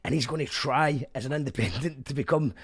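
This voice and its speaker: A husky, mid-range male voice with a Scottish accent hosts an online live show at a brisk clip. The chat is loose and casual, often restarting mid-sentence, with background music playing underneath.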